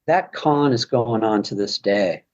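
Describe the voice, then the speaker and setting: A man's voice: fairly low pitch, a little slow, dull audio. A man speaking as a podcast guest, rambling casually with many restarts. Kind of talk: casual conversation.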